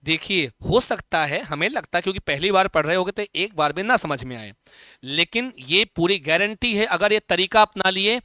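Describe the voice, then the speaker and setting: A male teacher runs a live online class, his voice high and bright. He talks chattily, repeating key points and quizzing his students. The sound is clean and dry, with no room echo. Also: animated, moderate pace.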